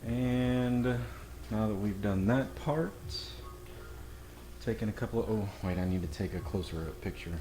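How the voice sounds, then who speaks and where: Low-voiced man hosting a cooking vlog. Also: moderate pace. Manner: joking, self-deprecating, talks to viewers. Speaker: cooking channel host. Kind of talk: casual cooking vlog chat. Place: home kitchen. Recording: echoey kitchen with faint music.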